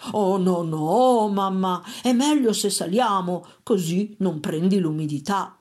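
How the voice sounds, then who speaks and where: A woman voicing a big, strong, simple-minded young peasant son in a storybook, loud and boastful. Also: medium pitch, slow pace, lightly acted. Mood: eager.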